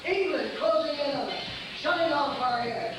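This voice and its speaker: An actor playing a frail, dying male colonial statesman with halting, strained pleading in a period film. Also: high voice, close to an everyday voice. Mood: agitated. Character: frail, dying colonial delegate, agitated and breathless man. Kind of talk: theatrical period film dialogue. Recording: echoey chamber, far mic, loud noise.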